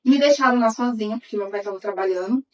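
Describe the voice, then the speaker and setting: A woman, a guest in an interview, telling her personal story earnestly, her voice swinging between hushed and raised. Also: a little high, quick pace, poor audio. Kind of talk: emotional personal testimony.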